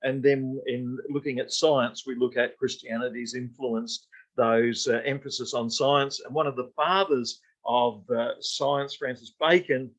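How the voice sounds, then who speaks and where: A man giving an unscripted college lecture, pausing often with fillers and restarting sentences. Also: mid-range voice, fairly even intonation, poor audio.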